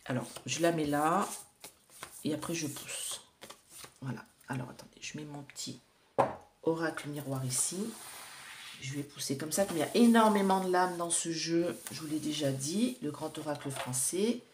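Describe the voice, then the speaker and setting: A woman's voice: low-pitched, normal speed, slight background noise. A woman in her forties doing a casual oracle card reading, chatty and hesitant, talking straight to her viewers. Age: 40s. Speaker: psychic card reader.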